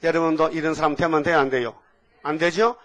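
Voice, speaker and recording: An older man from the Korean countryside preaching a revival sermon, folksy and animated, often tossing in questions to the crowd. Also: fairly high pitch, a little fast. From rural Korea. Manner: folksy, animated preaching with frequent rhetorical "응?" asides. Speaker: pastor.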